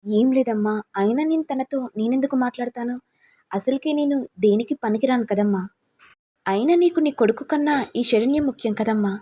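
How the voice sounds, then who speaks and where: A woman's voice: a little high, brisk, mellow, slight background noise, close to an everyday voice. A woman voicing an angry young husband who taunts and accuses his wife. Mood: bitter.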